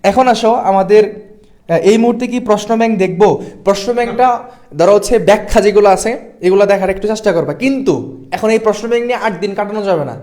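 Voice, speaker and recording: High-voiced male tutor with a light tinge, coaxing, repeats points for exam students. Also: fast talker, a little mellow. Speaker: admission test tutor. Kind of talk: online class lecture.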